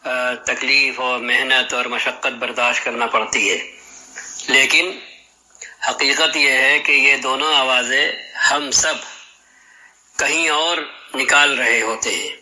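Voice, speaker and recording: A man's voice: mid-range voice, fairly even intonation, sharp tone, low-quality recording. A man teaching the articulation of letters in a patient, explanatory lesson, demonstrating throat sounds aloud as he goes. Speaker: Quran recitation teacher.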